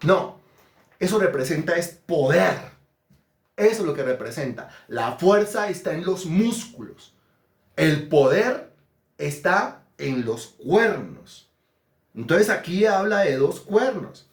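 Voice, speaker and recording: A man's voice: fairly high pitch, expressive, takes it slowly, roomy sound. A man preaching an interactive sermon, asking questions and praising the answers. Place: church hall.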